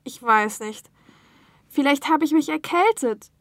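Woman playing a sick female patient, high-pitched, plaintive, worried, clearly articulated, dry sound, scripted lesson dialogue. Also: lively intonation, unhurried, a bit bright, no room sound, exaggerated voice. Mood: unwell, plaintive. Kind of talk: scripted language-learning dialogue acting.

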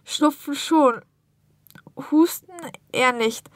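Woman acting a high-voiced, plaintive sick patient. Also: slow, noisy background. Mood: unwell, plaintive. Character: sick, worried female patient with a cold. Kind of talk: scripted language-learning dialogue acting.

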